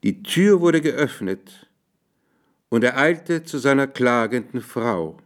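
A man narrating a dark tale in a measured, dramatic storybook reading. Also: medium pitch, animated.

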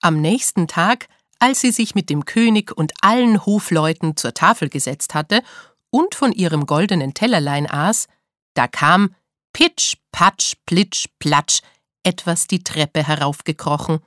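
A woman narrates a fairy tale in a clear, expressive reading voice. Her voice sits somewhat low. The recording is close and dry, with no room sound. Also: measured pace, dry recording. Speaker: storyteller. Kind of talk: storybook reading.

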